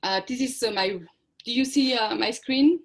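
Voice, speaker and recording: Slow, hesitant woman artist. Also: fairly high pitch. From Switzerland. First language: not English. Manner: hesitant, many fillers and restarts. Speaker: artist presenting her project. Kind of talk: halting symposium talk, partly read aloud.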